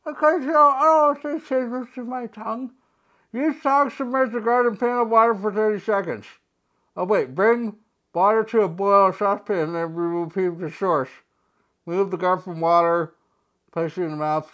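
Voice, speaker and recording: A woman's voice: mid-range voice, moderate pace, a bit bright. A woman hosting a casual unboxing vlog, talking with a mouthguard in, playful and jokey as she reads instructions aloud. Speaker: unboxing video host.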